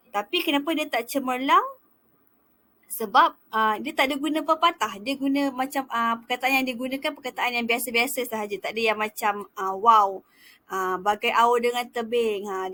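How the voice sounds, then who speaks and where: A young woman student teacher explaining a topic in a casual lecture style, chatty and relaxed, often pausing to begin again. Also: on the high side.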